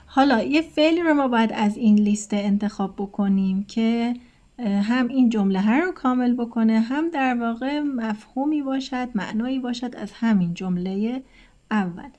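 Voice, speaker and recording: A woman with a Persian accent, teaching English vocabulary in a casual lesson. She goes slowly and carefully and reads the English examples word by word. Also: on the high side, warm tone. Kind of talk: casual lesson talk, translating words one by one.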